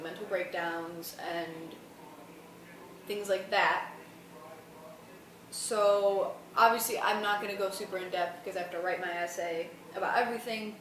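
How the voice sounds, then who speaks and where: A woman's voice: medium pitch, fairly bright tone. Tired young woman in an echoey room. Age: young adult. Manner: tired, loose and colloquial. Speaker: student vlogger. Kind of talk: casual rambling explanation. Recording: roomy, distant mic, faint noise.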